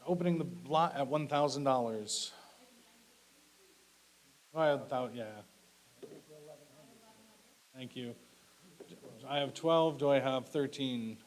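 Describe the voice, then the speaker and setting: Calling lots and bids at a live auction, this man speaks in clipped, repetitive bursts with polite thanks and asides. His voice is mid-range and unhurried, broken by long pauses, and the poor audio carries a clearly audible hiss.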